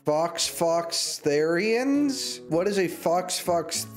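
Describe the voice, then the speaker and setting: Young guy reacting to clips, swoopy voice, laughs a lot, loud music behind him. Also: fairly high pitch, drawn-out words. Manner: animated, laughs often, exclaims at clips. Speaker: streamer reacting to videos. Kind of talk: reaction commentary. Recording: music playing loudly behind the voice. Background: clip audio and music playing.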